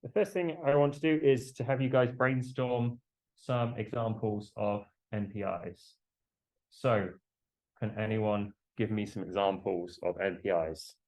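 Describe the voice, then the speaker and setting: A man lecturing to a class through a face mask while he has a cold, explaining in a halting way and putting questions to students. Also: fairly low pitch, steady tone, darkish tone, low-quality recording.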